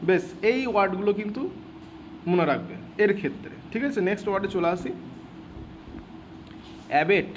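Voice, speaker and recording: A man's voice: sits high, lively intonation, a little fast, long pauses, slight background noise. A man teaching vocabulary, repeating words and answering his own questions. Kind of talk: vocabulary lesson explained in Bengali.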